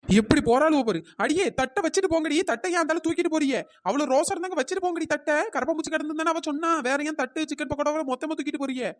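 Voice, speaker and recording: A fed-up young snack seller in a cartoon, voiced by a woman, high-pitched and fast. She scolds and grumbles at customers who never pay. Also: natural voice. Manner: scolding, complaining. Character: young woman stall keeper, fed-up and sharp-tongued. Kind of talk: cartoon voice acting.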